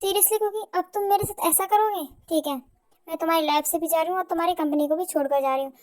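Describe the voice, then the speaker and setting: Woman doing a snippy scheming ex gf, threatening, very high voice. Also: fast talker. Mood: scornful. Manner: sharp, scornful, threatening. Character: young woman, spurned scheming girlfriend. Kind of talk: amateur fan audio drama.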